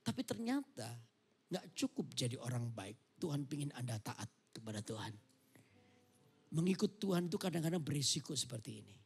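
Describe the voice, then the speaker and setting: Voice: mid-range voice, sing-song, normal speed, creaky, a little mellow, husky. A pastor preaching a sermon, calling the congregation for amens and acting out Bible scenes in dialogue. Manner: acts out scenes, calls for amens.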